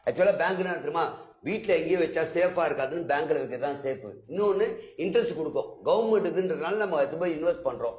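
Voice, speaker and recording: A man with a high, darkish voice plays an outraged bank customer in a comedic sketch, arguing and rattling off rapid questions. The room is echoey, with faint music behind him.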